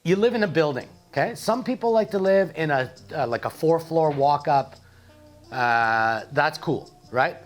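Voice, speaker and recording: Animated man telling a comic story. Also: a little high, a little slow, music in the background. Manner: animated, playful, mock-dramatic. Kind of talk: comedic storytelling monologue.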